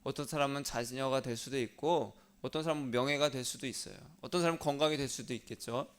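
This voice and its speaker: A middle-aged Korean man preaching a sermon as pastor, telling a personal story earnestly and often dropping to a soft, quiet voice. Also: medium pitch, quick pace, clean tone. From South Korea.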